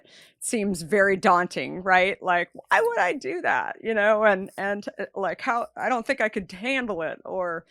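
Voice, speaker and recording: A woman's voice: on the low side, a bit bright, no echo, studio quality. Eager woman host asking questions. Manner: enthusiastic, asks rambling questions. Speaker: podcast host. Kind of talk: interview conversation.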